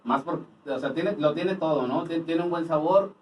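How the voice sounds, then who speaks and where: A young Mexican man tossing out mock shout-outs and dry quips in a casual beer-tasting chat. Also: on the high side, moderate pace. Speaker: co-host. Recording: voice a bit far from the mic.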